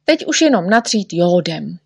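A woman's voice: fairly low pitch, sing-song, gravelly, slightly rough, dry recording, clean studio sound, heavily acted. A woman voicing a fussy, patient little male doctor who soothes and chides his patient. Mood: soothing. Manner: soothing, chiding.

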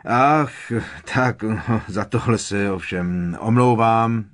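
A man reading an audiobook, voicing a curious, excitable middle-aged wizard father with eager, flustered exclamations. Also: lowish voice, natural voice. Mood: polite.

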